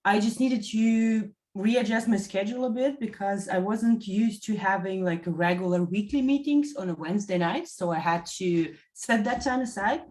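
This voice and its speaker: A woman in her thirties from Latvia, giving a reflective testimonial interview and pausing often to find her words. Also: medium pitch, darkish tone. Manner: thoughtful, many fillers and self-corrections. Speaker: interview guest, executive assistant.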